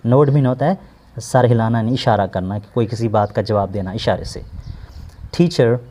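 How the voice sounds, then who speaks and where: A man's voice: fairly low pitch, dark tone. Patient male teacher. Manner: patient, repeats and glosses each word slowly. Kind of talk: explaining an English textbook lesson.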